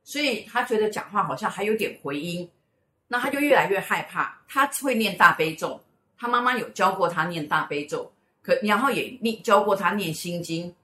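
The speaker is a host and mother, a middle-aged woman with a Taiwanese Mandarin accent, recounting a story in casual conversation at normal speed. Her voice is medium-pitched, the room echoes, and she animatedly acts out what the people in the story said.

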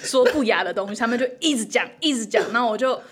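A woman's voice: a little high, animated, fast. A woman co-hosting a podcast, a former cram-school teacher chatting playfully and laughing. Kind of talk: casual podcast chat.

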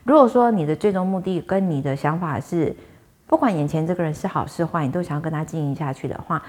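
A woman's voice: sits low, fast, a little mellow. A woman who works as a fortune teller and medium, telling viewers about a client's case in a chatty, conversational way full of fillers. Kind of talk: storytelling monologue to viewers.

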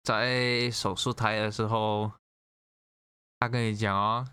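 A man casually telling an animated story in conversation, swearing freely. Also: lowish voice, takes it slowly, clean tone, no room sound, studio quality. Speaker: guest sharing a story. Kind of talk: casual chat.

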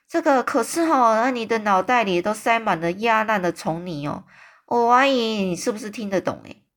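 A woman voicing a big friendly male giant who exclaims and stretches his words out slowly. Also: on the high side, animated, lightly acted. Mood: excited. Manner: exclaiming, drawn-out slow emphatic phrasing.

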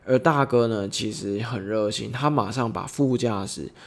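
Gentle storytelling man. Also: lowish voice, gravelly. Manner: gentle, reflective, unhurried storytelling. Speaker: podcast host. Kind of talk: personal storytelling podcast.

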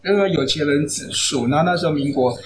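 A man's voice: on the high side, fast. A man with a Taiwanese Mandarin accent, an author guest on a podcast, chatty and anecdotal with many fillers. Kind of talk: casual podcast interview. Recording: noisy background.

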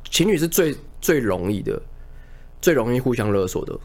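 Guy on a podcast thinking out loud, voice jumps up and down a lot, stops and restarts. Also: medium pitch, big pitch swings. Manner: reflective, explaining in halting restarts. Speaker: podcast co-host. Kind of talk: casual chat.

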